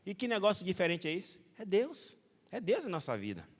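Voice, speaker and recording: A man's voice: high voice, fairly quick. A Brazilian man preaching a Bible study sermon as pastor, telling stories with animation and acting out the voices of the people in them. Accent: Brazilian Portuguese. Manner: animated storytelling, acts out quoted voices. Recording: hall reverb.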